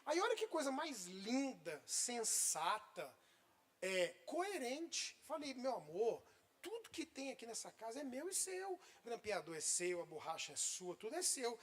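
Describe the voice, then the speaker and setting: A man in his fifties, a pastor preaching a sermon and telling a humorous personal story, with loud bursts and quiet asides. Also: very high-pitched, sing-song, unhurried. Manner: humorous, exasperated.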